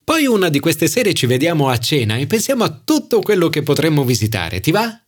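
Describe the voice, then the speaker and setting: A man's voice: fairly high pitch, huge pitch swings, fairly quick, slightly rough, pitched above the performer's own voice, full character voice. A man voicing an earnest young woman. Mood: persuasive. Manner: pleading, reassuring.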